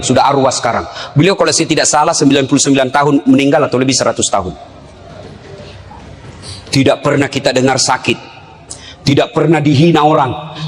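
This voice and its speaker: A man preaching a humorous sermon, teasing his listeners and breaking into shouts. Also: medium pitch. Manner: jokey, teasing, bursts into shouting.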